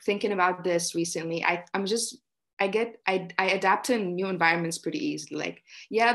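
A woman's voice: lowish voice, a bit bright. Chatty young woman from Egypt. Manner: chatty, many fillers like "like". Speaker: guest. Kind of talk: casual interview chat. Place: small room indoors. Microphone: video call.

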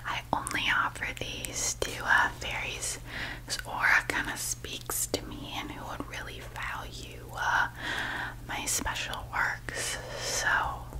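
A woman in a whispered role-play as a fairy designer. Her voice is a soft, breathy whisper, and she speaks slowly and gently. She attends to her customer with an unhurried, delicate manner. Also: poor audio. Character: gentle female fairy designer showing customer clothes and crowns.

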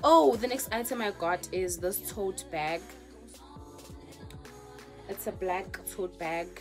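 Slow, chatty young South African woman. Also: mid-range voice. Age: young adult. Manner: chatty, drawn-out reactions, mixes in Zulu. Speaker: vlogger. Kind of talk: casual haul vlog. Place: bedroom, indoors. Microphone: camera in front of her. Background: music.

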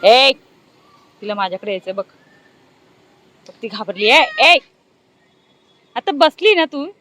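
A woman's voice: a little high, expressive, takes it slowly, fairly bright tone, poor audio. A middle-aged woman vlogging casually outdoors on an open ground, chatty and doting as she coos at her pet cat. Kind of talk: casual vlog chat.

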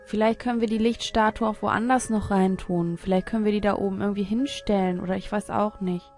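A woman's voice: medium pitch, fairly even intonation, fairly quick, a little mellow, soft background music. A woman commenting casually on her gameplay, muttering and puzzling aloud as she thinks. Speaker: let's play host.

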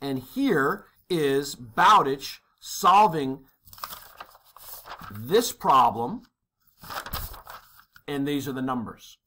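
Sitting at a desk indoors, a maritime exam instructor works through a worksheet problem, casually thinking out loud and often checking in with "okay?". His mid-range voice is sharp and lively in intonation, stretching out words and leaving long pauses.

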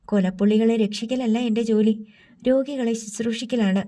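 A woman reading the part of a stern, sharp-tongued young nurse in an audiobook. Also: fairly high pitch, fairly even intonation, moderate pace, natural voice. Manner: curt, scolding. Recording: slightly distant from mic.

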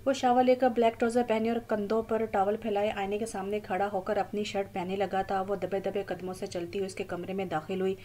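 Mellow woman reading an audio novel. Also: mid-range voice, level tone, fairly quick, hardly any pauses. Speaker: audiobook narrator.

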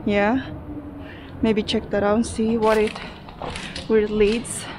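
Wandering an abandoned steel factory indoors and out, a young adult woman who vlogs urban exploration offers casual, fragmentary commentary to her handheld camera. She speaks slowly in a mid-range voice with flat delivery, and the action camera audio is noisy.

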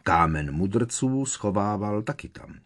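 A man's voice: lowish voice, expressive, lightly acted. A man voicing an eager, playful teenage twin boy in an audiobook. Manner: eager, joking.

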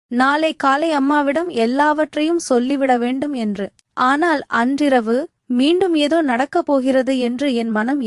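A woman's voice: sits high, darkish tone, no echo, studio quality. A woman telling a story in first person as scripted narration, in a dramatic, tense manner.

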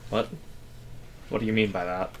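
A man's voice: fairly low pitch, little pitch movement, moderate pace, a little hiss or hum. A man making dry, sarcastic remarks while co-hosting a game let's play. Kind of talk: casual chat while playing.

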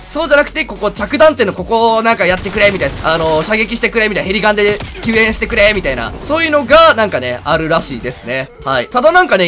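A young man giving chatty, excitable gameplay commentary at his computer. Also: high voice. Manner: chatty, excitable, rapid and animated. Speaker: game commentator.

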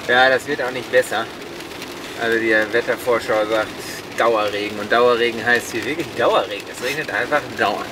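A man's voice: mid-range voice, fairly even intonation, moderate pace, far from the mic, noisy background. A man on a road trip, talking casually to the camera outdoors and from a car. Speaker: travel vlogger. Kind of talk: casual travel vlog. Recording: music playing behind.

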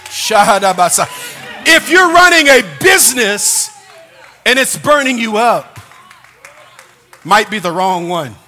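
A man in his sixties preaching a sermon as pastor in a church sanctuary, with humor, shouted emphasis and call-and-response. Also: high voice, expressive, a little slow, pauses often, a faint crowd. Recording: long church reverb.

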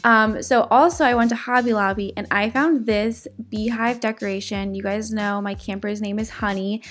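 A woman DIY vlogger records a casual, chatty crafting voice-over at home, indoors. Her mid-range voice holds a steady tone at a moderate pace, upbeat and full of fillers, though she's sick and it cracks now and then.

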